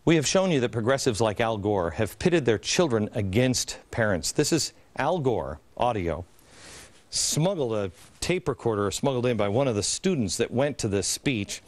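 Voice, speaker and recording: A TV host in his forties delivers opinion commentary in a large studio, speaking at normal speed in an animated, medium-pitched voice. He's indignant, sarcastic, and theatrical, recorded on a studio mic while standing at the camera.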